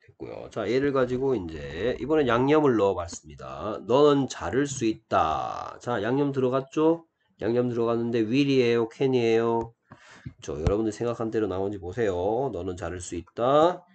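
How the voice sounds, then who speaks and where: A man teaching an English grammar lesson step by step, asking rhetorical questions and slowing down to model sample sentences. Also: medium pitch, animated, darkish tone, muffled recording.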